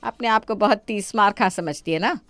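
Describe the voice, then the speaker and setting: A woman voicing a scheming older mother-in-law in an animated story, with theatrical wailing and complaining. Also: mid-range voice, moderate pace, no room sound, natural voice. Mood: gloating.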